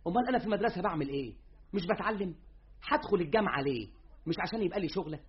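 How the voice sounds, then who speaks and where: A man's voice: high-pitched, lively intonation, very fast. An actor with an Egyptian Arabic accent playing a defiant young male student in a radio drama, with heated, indignant delivery. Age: young adult. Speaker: younger brother. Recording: dull lo-fi radio recording.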